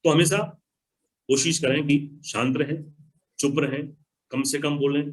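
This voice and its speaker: A man's voice: mid-range voice, poor audio. Male motivational speaker: emphatic, repetitive, ordinary mid-range voice. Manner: emphatic, repeats key phrases. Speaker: motivational speaker answering questions. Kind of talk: advice talk to an online audience.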